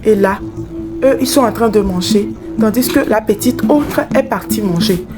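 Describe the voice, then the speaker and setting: A woman's voice: medium pitch, normal speed. A woman narrating a moral folk tale, speaking directly to her audience. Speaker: storyteller. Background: music.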